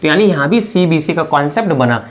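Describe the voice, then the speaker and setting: Low-voiced woman teaching grammar. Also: lively intonation, a little fast. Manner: explains step by step, repeats "friends" and "okay" often. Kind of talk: video lecture explaining grammar.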